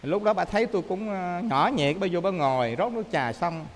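A Buddhist monk with a Southern Vietnamese accent gives a dharma talk in a high, bright male voice. He tells his stories with lively energy and keeps asking the congregation to confirm what he says. A long reverb tail hangs behind every phrase. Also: fairly quick. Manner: lively storyteller, often asks listeners to confirm.

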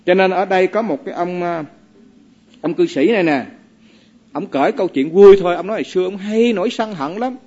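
Monk guy preaching, tells little stories, keeps asking right?, highish voice, muffled lo-fi recording. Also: fairly quick, a little mellow. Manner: folksy, asks the audience for agreement. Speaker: Buddhist monk teaching lay followers. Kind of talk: dharma talk with storytelling.

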